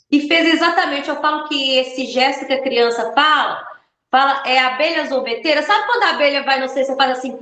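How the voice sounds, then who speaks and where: A woman, a mother and teacher, telling a story casually and acting out the dialogue. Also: high-pitched. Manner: animated, acts out dialogue. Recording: echoey room.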